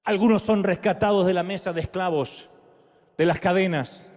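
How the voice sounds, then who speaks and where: A high-pitched man preaching as a pastor, leading prayer with fervent, rising repetitions. His voice rings through a large hall with a long reverb tail. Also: normal speed. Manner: fervent, repeating words in rising shouts. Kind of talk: sermon altar call and prayer.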